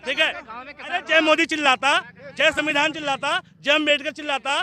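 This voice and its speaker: A man's voice: extremely high pitch, flat delivery, moderate pace, crowd noise. A man questioning people in a street debate, who often interrupts to demand attention.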